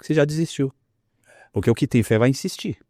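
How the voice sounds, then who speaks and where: A man, a pastor telling a healing story in an animated, emphatic way. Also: medium pitch, a little fast, no echo, studio quality. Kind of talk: testimony in a conversation.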